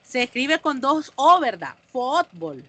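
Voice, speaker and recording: A woman's voice: a little high, animated, normal speed, fairly bright tone, no room sound. A woman teacher explains the lesson to her online class and stops to put questions to them.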